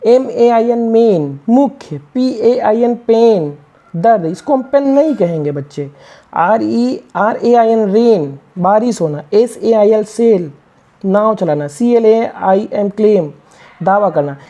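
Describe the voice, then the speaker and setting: Mellow-voiced woman teaching English reading. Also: mid-range voice, animated, slow pace, muffled recording. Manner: spells words letter by letter, asks and answers her own questions. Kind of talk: classroom-style reading lesson.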